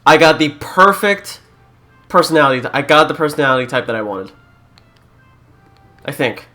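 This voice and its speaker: A man's voice: fairly high pitch, expressive, normal speed, bright, forceful tone, faint music behind. A young Canadian man who is a YouTuber, chatting casually through a let's-play, joking and reading game prompts aloud.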